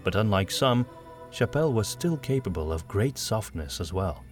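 A man reading a fantasy audiobook in a measured storytelling manner. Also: lowish voice, lively intonation, faint music behind. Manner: measured storytelling, doing all the voices. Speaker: narrator. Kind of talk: scripted audiobook narration.

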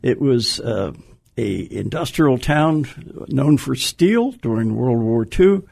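Older male guest, very gravelly and dry-voiced, rambling anecdotal manner. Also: mid-range voice, expressive, takes it slowly, a little mellow, no room sound. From Pennsylvania, USA. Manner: rambling, self-interrupting, chuckles often. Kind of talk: conversational radio interview.

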